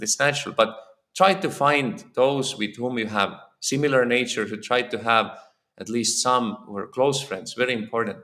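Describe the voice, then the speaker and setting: In a temple hall, an Estonian-accented man with a mid-range, fairly bright voice gives an informal talk on scripture. He is earnest, repeating words often while he works out his phrasing.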